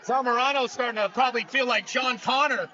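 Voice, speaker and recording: A man's voice: extremely high pitch, a little fast, slight background noise. A man giving conversational live boxing commentary with jokey, colorful comparisons. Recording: muffled mic in loud crowd. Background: loud fight crowd.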